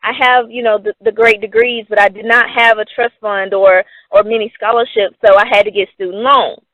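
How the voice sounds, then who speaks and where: Speaking briskly in a steady, a bit bright mid-range voice, a young company presenter runs through an upbeat, persuasive scripted sales presentation on money, supplying answers to her own questions. The sound is dry and narrow, like a phone, with no room sound.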